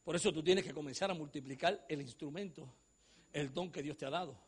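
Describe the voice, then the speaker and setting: High, husky-voiced preacher man. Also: fairly quick. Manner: swings from hushed to shouting, jokes with the audience. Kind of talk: sermon.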